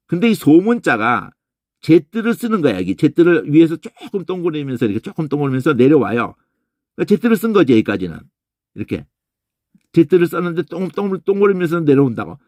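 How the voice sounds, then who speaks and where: A man teaching a lecture on Bible languages, talking casually and emphatically, repeating phrases and tossing in quick questions to his listeners. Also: no room sound, studio quality. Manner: emphatic, lively demonstrating, repeats phrases with sudden pitch jumps; casual speech, trailing questions.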